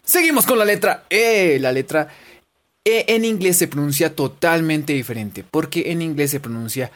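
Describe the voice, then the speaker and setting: A woman's voice: low-pitched, expressive, normal speed, a little hiss or hum. A woman teaching English pronunciation in a playful, chatty, encouraging way. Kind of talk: casual online lesson.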